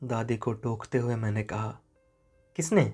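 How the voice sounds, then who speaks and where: A man tells a spoken horror story with dramatic, suspenseful narration. His delivery is slow and often falls to a quiet hush at the tense moments. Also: mid-range voice, soft background music.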